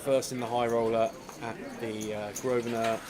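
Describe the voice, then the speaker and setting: A man giving live poker commentary in a measured way with formal wording. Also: medium pitch, little pitch movement. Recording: loud crowd noise behind. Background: loud busy poker room.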